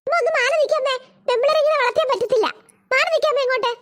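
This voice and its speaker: A woman's voice: very high voice, rapid-fire, noisy background. Angry scolding cartoon mother. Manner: shouting threats.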